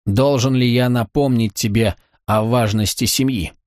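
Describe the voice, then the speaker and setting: A man's voice: medium pitch, steady tone, normal speed, darkish tone, dry recording, studio quality, natural voice. A man voicing a menacing, murderous brother who speaks mockingly while out of breath.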